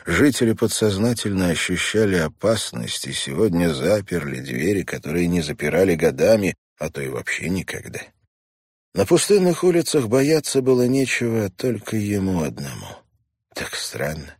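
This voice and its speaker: A male audiobook narrator reads in a measured, dramatic way. His voice is very deep and husky, and the recording is dry with no room sound. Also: a little mellow, no room sound. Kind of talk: scripted narration.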